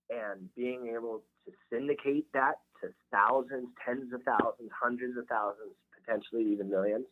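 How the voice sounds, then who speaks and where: A man telling a heartfelt story as a realtor guest on a podcast interview. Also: on the low side. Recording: tinny phone-line sound.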